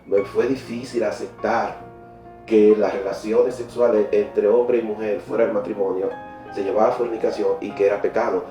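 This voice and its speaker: A middle-aged man tells his faith story with a low, warm, mellow voice, stumbling over repeated words when he gets excited. He is heard from a distance in an echoey church room, with faint music behind him. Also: moderate pace. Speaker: interview guest giving a faith testimony. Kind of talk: emotional personal testimony.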